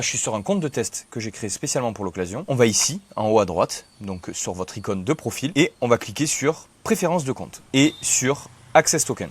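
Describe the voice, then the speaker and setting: A young man casually explaining software setup step by step in a tutorial video. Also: medium pitch, slightly rough. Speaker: tech tutorial host. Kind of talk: screen-recorded software tutorial.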